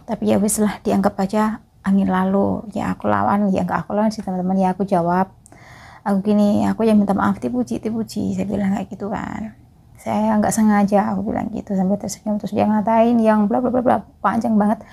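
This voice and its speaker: A woman's voice: mid-range voice, flat delivery, brisk, gravelly, warm tone, slightly rough. A woman from East Java, a migrant caregiver chatting casually to her viewers in a vlog and often calling them friends. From East Java, Indonesia.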